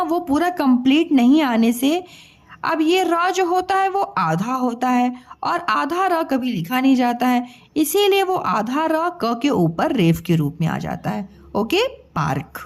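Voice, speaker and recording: A woman teaching young children, spelling out sounds syllable by syllable and repeating each word patiently. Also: high voice. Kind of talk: slow spelled-out children's lesson.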